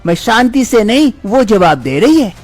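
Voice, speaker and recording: A woman voicing an excitable young husband in a storybook tale, who talks in a quick, exclaiming way. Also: on the high side, no room sound, soft background music, pitched above the performer's own voice. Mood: demanding.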